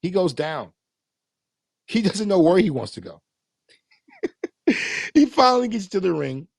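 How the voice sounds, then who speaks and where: A man casually recapping and reviewing a wrestling show, animated, swearing freely and acting out quotes. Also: sits high, a little slow, gravelly, husky, no room sound, studio quality.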